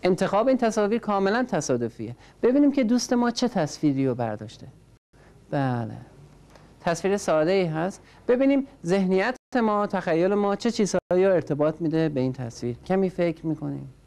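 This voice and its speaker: A woman with a low, mellow voice teaches a small class of learners. She speaks patiently and repeats each word several times. She calls on each learner to say it back. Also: lively intonation. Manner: patient, drills words by repetition and prompts learners. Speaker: English teacher. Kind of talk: classroom language lesson.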